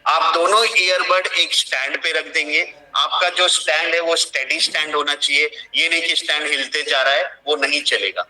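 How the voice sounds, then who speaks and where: Steady and sharp, his voice sits on the high side and moves at normal speed with few pauses, though the recording is rough. The young man is an online trainer running a live screen-share session, explaining a task to his team on video and repeating every instruction.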